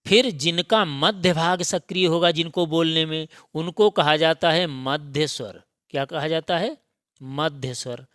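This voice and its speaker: Man, grammar teacher, exam-prep lesson, drills by repetition, slightly high voice, dry close recording. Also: a bit bright, dry recording. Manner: slow, repetitive drilling, frequent check-ins.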